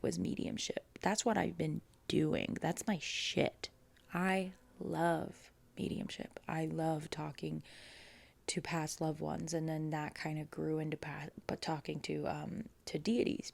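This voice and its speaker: Gravelly low-voiced woman podcaster. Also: darkish tone. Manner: rambling, filler-heavy, emotional. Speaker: podcast host. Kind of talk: casual solo podcast chat.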